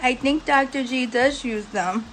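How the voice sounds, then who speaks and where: She speaks high and a bit bright at a measured pace, with soft music in the background and poor audio. Venting to camera from her recovery house bedroom after surgery, the young woman curses and complains bluntly about her care, clearly frustrated and worn down.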